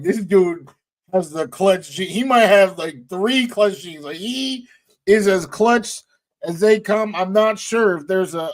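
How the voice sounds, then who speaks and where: A man with a high voice gives emphatic opinions as co-host of a casual sports talk show. He chimes in with agreement.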